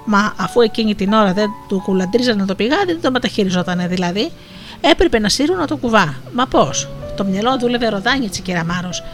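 A storyteller telling a folktale in a lively Asia Minor Greek dialect. The voice is mid-pitched and steady, with faint music playing underneath. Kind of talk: folktale narration.

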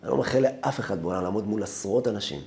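A man's voice: fairly low pitch, darkish tone, slight background noise. A man, a rabbi, telling a first-person story as part of a sermon.

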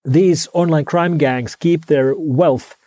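In a relaxed interview, this Finnish-accented author from Finland, whose first language is Finnish, often repeats words and leans on dry humor. He speaks slowly in a mellow voice on the high side, and there's no room sound.

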